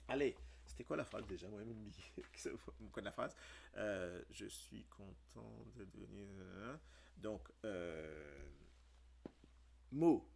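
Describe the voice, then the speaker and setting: Slow, low-voiced man spelling out words. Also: animated, vocal fry, darkish tone, a little hiss or hum. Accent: Mauritian Creole. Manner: spells out words letter by letter, hesitant with many fillers. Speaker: radio host teaching creole spelling. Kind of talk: casual radio lesson.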